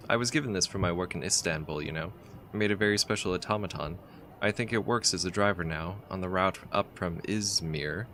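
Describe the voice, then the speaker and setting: A man reading a gruff, proud woman artificer aloud from a text adventure game, in a brusque, grumbling way. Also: sits low, brisk, sharp tone, slight background noise. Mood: chatty.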